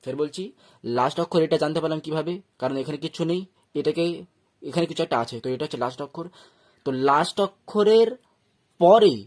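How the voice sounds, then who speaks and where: A man with a Bengali accent and a fairly high, darkish voice leads a step-by-step Quran recitation lesson. He breaks words into syllables and often checks that learners are following.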